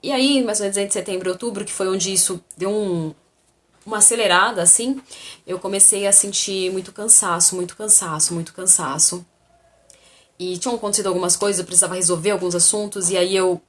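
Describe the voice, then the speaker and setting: Woman, casual vlog storytelling, animated. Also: lowish voice. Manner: animated, acts out the dialogue. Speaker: vlogger telling her health story.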